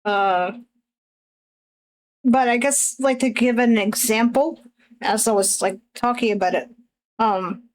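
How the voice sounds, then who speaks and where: A woman streamer chatting casually while she draws, hesitant and self-conscious, with many pauses and fillers. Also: on the high side, low-quality recording. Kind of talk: casual chat while drawing.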